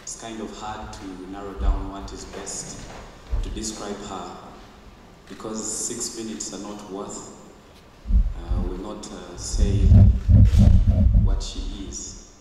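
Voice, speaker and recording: Young Ugandan man, halting eulogy in echoey church. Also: sits low, flat delivery, recorded from a distance, noisy background. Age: young adult. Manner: halting, searching for words. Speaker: grandson giving a eulogy. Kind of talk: funeral eulogy. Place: church hall. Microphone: handheld mic.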